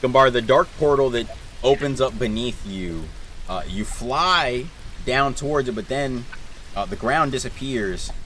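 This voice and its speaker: A man's voice: medium pitch, measured pace, fairly bright tone, slight background noise, rough recording. A man narrating as dungeon master on a tabletop game stream, casual and rambling with many fillers.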